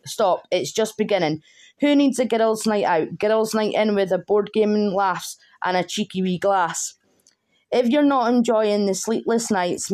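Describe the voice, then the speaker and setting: A woman reading poems aloud as a guest in a steady, rhythmic way with a wry edge. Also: mid-range voice. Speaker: guest poet. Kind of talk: reading her own poem aloud.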